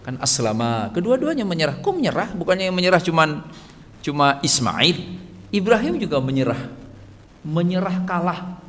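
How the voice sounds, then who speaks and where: A man giving a casual sermon and Quran lesson to fathers, animated and joking, acting out little dialogues. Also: a little high, moderate pace. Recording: reverberant hall with faint ambient noise.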